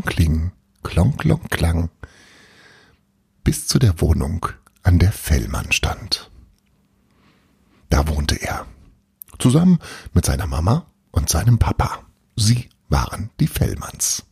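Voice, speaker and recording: A man reading a children's story aloud, expressive, with sound words and hushed suspense. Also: sits low, slow pace, creaky, pauses often, slightly rough, dry recording, clean studio sound. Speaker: narrator.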